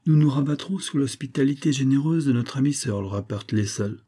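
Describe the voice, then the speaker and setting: A man reading the part of a scheming, smooth-talking middle-aged army major, pompous and theatrical, mock-affectionate toward his wife. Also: mid-range voice, brisk, warm tone, pitched above the performer's own voice, natural voice. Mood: mock-tender.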